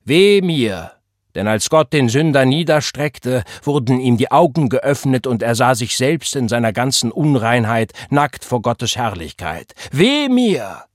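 A fervent young revival preacher, as a male reader puts him on, calling out to his flock with rising cries and slow, drawn-out stresses. His voice sits at an ordinary pitch for a man and is recorded close and dry, with no room around it. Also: very animated, dry recording. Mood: solemn. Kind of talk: impassioned sermon.

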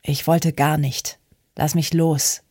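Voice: medium pitch, level tone, slow, darkish tone, husky, dry recording, clean studio sound. A reader doing a scared drunk teenage girl. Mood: upset.

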